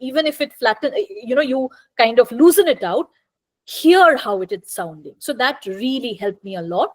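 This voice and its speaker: A woman with a Bengali accent giving an academic talk, switching between Bengali and English, pausing often to think and restart. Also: high voice, expressive. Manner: thoughtful, often pauses with fillers and restarts. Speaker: guest lecturer on translation.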